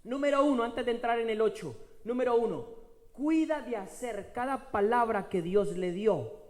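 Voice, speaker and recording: A man preaching a sermon, slowing down and stretching key words for emphasis and repeating phrases. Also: very high-pitched, lively intonation, darkish tone, long reverb tail.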